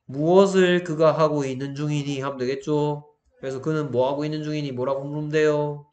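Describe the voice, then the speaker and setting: This grammar teacher's voice sits on the high side, steady and a little mellow, and he talks a little fast. He walks students through English grammar one step at a time, regularly asking questions to check their understanding.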